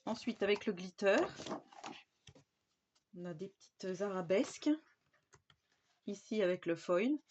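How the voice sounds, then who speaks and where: A French woman who makes scrapbooking videos on YouTube chats casually through her new craft papers, using lots of fillers, pausing, and restarting often. Her mid-range voice has a darkish tone, and the home recording is slightly dull with a faint hiss behind it.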